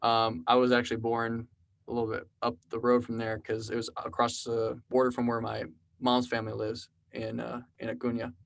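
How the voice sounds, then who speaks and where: A laid-back guy in his twenties from South Texas, a programmer and musician appearing as a podcast guest. His creaky, medium-pitched voice moves at a normal pace as he rambles through stories with plenty of fillers in a casual interview.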